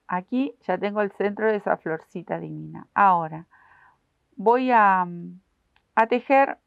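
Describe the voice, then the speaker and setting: A woman walks viewers through a crochet pattern stitch by stitch, patient and full of little diminutives. Her voice has a gravelly fry to it. The sound is dry and thin, like it came through a phone. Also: mid-range voice, dry recording, highs cut off. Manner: patient, explains each stitch while working; uses many diminutives, addresses viewers directly. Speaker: crochet instructor. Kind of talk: step-by-step craft tutorial.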